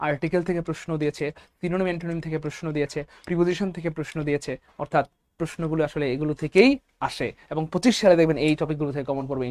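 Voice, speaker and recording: A man teaching English for job exams in an online lecture, energetic and repeating key words to his viewers. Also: on the high side, dry recording. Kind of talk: online exam-prep lecture.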